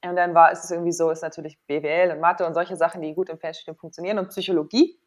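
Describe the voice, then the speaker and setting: Racing along in a low, steady voice, a woman in her thirties recounts personal stories as an interview guest. She used to be an athlete and now works as a sports psychologist, and she speaks informally and candidly, thinking aloud.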